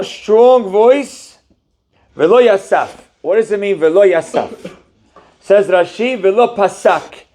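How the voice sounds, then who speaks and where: High-voiced rabbi giving a sermon. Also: male voice. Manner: animated, questioning Torah teaching.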